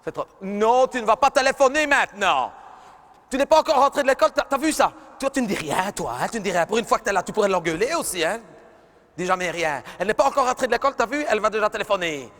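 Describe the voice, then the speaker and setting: A man's voice: high-pitched, lively intonation, very fast, a bit bright. A man voicing a nagging middle-aged mother who scolds her daughter in a live stand-up sketch, fussing and repeating herself. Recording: reverberant live arena recording.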